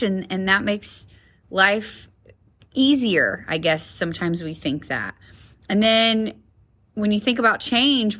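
A woman's voice: medium pitch, a bit bright. A young adult woman hosting a motivational podcast, talking in a chatty, encouraging way with frequent fillers and restarts. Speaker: podcast host. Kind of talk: casual motivational podcast talk.

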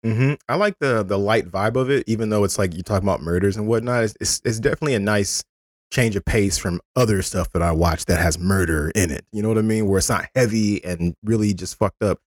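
A man's voice: on the low side, fairly quick, no room sound, studio quality. A man in his thirties hosting a casual podcast chat, loose and profane, laughing often. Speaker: podcast host.

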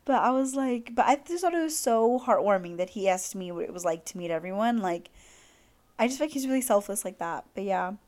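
A woman's voice: medium pitch, expressive, a little fast, darkish tone. Gushing young woman, "like"-filled chatter. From Latin America. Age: young adult. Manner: gushing, heavy use of "like". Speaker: podcast host. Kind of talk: casual storytelling monologue.

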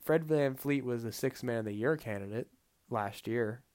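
A young man co-hosting a podcast in casual sports chat, often trailing off and unsure, and getting louder when he argues his pick. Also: medium pitch, normal speed, clear, resonant tone. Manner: hesitant, trailing off, then heated when arguing. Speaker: podcast co-host.

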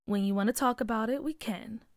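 A woman voicing a gentle, patient mother in a storybook reading. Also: on the high side, fairly quick, no echo, studio quality, lightly acted.

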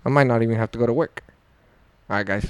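A man's voice: mid-range voice, quick pace, a little hiss or hum. A young man on a podcast chatting casually in a slangy, crude, joking way. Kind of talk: casual chat.

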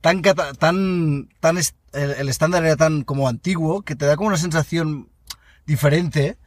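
A man's voice: fairly high pitch, moderate pace, dry recording. A man from in a casual podcast chat, talking with many restarts and fillers. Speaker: podcast co-host.

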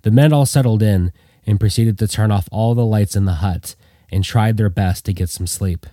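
A man narrating a story in a plain, steady reading voice. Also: fairly low pitch, moderate pace, dry recording, studio quality.

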